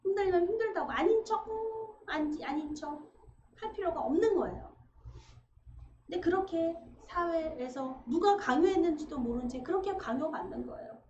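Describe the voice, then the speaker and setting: A woman preacher giving a conversational sermon, acting out everyday dialogue with sudden lively bursts. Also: extremely high pitch, normal speed. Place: church sanctuary. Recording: echoey room, dull lo-fi sound, faint noise.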